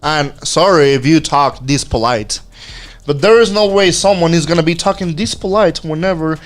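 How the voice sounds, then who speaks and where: A young man co-hosting a podcast, chatting casually, playful and blunt with quick asides. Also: on the high side, soft background music. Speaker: podcast co-host. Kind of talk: casual chat.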